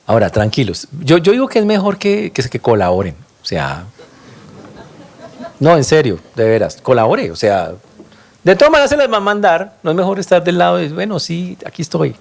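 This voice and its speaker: A man preaching a sermon as pastor, emphatic and animated, questioning his congregation directly and tossing in sharp interjections. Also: a little high, normal speed, gravelly.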